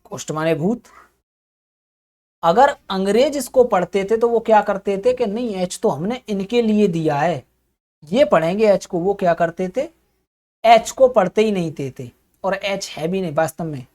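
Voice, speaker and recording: A woman's voice: medium pitch, normal speed, mellow. An English teacher, a woman, giving an explanatory spoken lesson, often posing questions to herself and then answering them.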